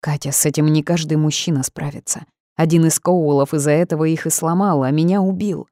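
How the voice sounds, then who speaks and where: A woman voicing an anxious, caring old male ghost in an audiobook, speaking in a worried, hushed way. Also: low voice, fairly even intonation, brisk, no echo, studio quality, lightly acted. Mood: earnest.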